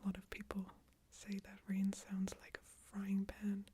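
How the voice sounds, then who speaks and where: A woman murmurs a soft ASMR bedtime ramble in a hushed, breathy whisper. Her delivery is slow and very even, with a hesitant, self-deprecating casualness. There is faint noise with occasional small crackles behind her. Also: mid-range voice. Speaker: ASMR video creator. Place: small closed room with screens and a PC. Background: occasional crackling from screens and PC.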